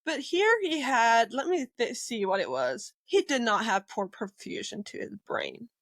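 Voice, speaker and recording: A woman on a podcast tells work stories with a fairly high voice. She keeps things lively, acts out what people said and laughs often. Her voice sounds close and dry. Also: measured pace, gravelly, dry recording. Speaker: EMT guest. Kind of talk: casual storytelling in a podcast interview.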